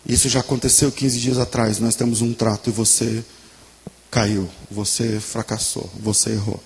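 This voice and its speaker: A man voicing a stern but loving mother who talks firmly and deliberately to her son. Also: on the low side, flat delivery, a little mellow, natural voice. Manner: firm, measured, turning pleading.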